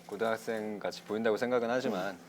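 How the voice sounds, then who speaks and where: Deep-voiced young man, very low. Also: fairly even intonation, fast talker, a loud crowd. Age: 20s. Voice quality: deep, heavy voice. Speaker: guest idol singer. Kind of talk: casual talk-show chat.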